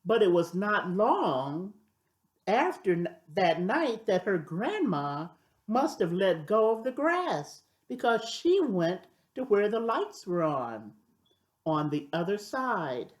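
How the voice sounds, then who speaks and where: An older woman's mid-range voice carries a children's story, read aloud with deliberate, expressive storytelling.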